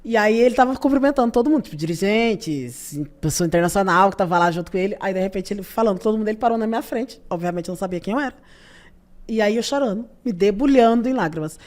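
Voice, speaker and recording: A young Brazilian woman speaks quickly, rattling through a personal story in casual interview talk. Her delivery is animated and full of laughter, with her pitch leaping up whenever she quotes herself. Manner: animated, laughing anecdotes, pitch leaps up when quoting herself. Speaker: youth secretary of a political party, podcast guest.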